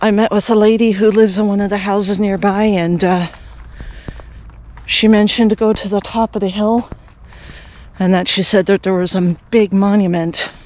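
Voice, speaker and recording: A man's voice: high-pitched, level tone, moderate pace, a little mellow. A man from Canada narrating a casual walking vlog outdoors, chatty and rambling with many fillers and restarts. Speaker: vlogger. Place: outdoors, walking around a rural cemetery.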